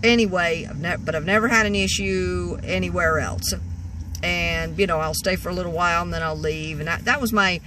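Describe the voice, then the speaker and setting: Brisk, bright and forceful at a fairly low pitch, a woman in her sixties rambles through casual storytelling from inside her parked car. The vlogger, filmed on a phone at arm's length, fills the clip with restarts and "you know"s over a little hiss or hum.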